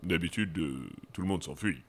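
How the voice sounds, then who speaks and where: A man doing a gravelly, deep-voiced fake ghost. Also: moderate pace. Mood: sheepish. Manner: deflated, grumbling. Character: weary fake ghost under a sheet.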